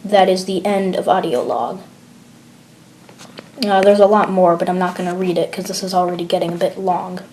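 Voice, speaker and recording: A woman hosting her own channel, chatting casually and relaxed to her viewers. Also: on the low side, normal speed, slight background noise, poor audio. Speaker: channel host.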